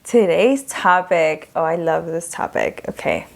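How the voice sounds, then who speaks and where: A young woman from Ecuador hosts a casual solo podcast, speaking in a chatty, candid way with frequent fillers. Her voice is lowish and unhurried, with vocal fry.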